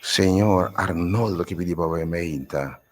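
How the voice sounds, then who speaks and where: A man's voice: deep voice, measured pace, heavy background noise. Fervent man praying on live radio. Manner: fervent, rhythmic repeated pleas in prayer. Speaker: radio pastor. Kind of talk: live radio prayer call-in.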